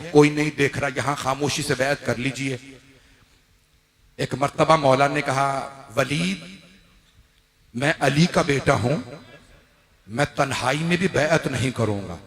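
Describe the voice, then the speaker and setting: A man from Pakistan delivering a mourning sermon, retelling scenes with voiced quotes, swinging from hushed low tones to loud drawn-out wailing cries. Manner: builds to high wailing cries, then drops to hushed quiet; urges the audience to look at him. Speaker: religious scholar preaching a majlis.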